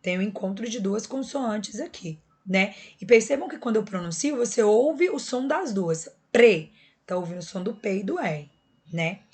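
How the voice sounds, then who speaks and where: A woman's voice: mid-range voice, lively intonation, normal speed, a little mellow. A woman teacher explains a lesson patiently and step by step, checking in often with her students. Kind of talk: recorded classroom lesson.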